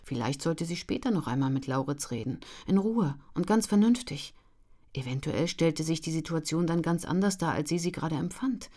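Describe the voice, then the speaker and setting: A woman narrates a novel in a steady, measured way. Her voice sits low and stays calm throughout the narration. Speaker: audiobook narrator. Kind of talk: scripted narration.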